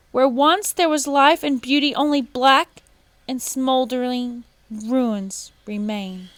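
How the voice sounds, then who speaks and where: A woman voicing an urgent storybook toucan that squawks out warnings. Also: no echo. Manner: squawking, high and loud.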